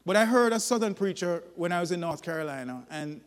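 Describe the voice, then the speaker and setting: A man preaching a sermon, telling folksy stories in an animated, emphatic way. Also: high-pitched, fast, big-room sound.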